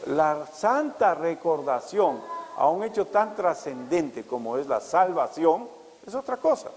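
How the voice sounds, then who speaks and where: A male pastor preaching a sermon, asking rhetorical questions and rising loud and high for emphasis. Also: in a large hall, rough recording.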